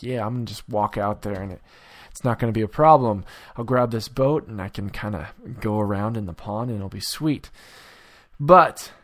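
A young man from the Vancouver area giving a casual daily devotional talk, relaxed and chatty with many fillers and restarts. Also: fairly low pitch. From Vancouver area, Canada. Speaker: youth devotional speaker.

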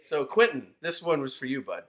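A man's voice: mid-range voice, sing-song, a little fast. A man cracking jokes and teasing the others in a casual podcast chat. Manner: wisecracking, teasing interjections.

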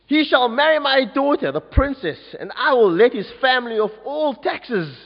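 A man's voice: very high-pitched, big pitch swings, moderate pace, gravelly, pitched above the performer's own voice, heavily acted. A man reading as a doubtful old king. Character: tall worried king, doubtful. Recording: dull echoey church recording.

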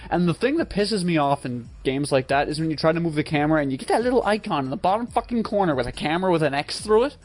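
Animated, higher-voiced man bantering about games. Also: fast talker, few pauses. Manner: animated, sweary ranting and joking. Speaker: gaming show co-host. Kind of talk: casual video game banter.

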